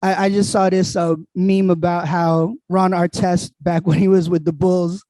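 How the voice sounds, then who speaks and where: The speaker is a Queens, New York, guest DJ on a podcast who laughs a lot, talks casually and takes his time explaining. He has a high, mellow voice with a flat delivery. Recorded without echo in a small, bright room at home, he uses a handheld dynamic mic kept close.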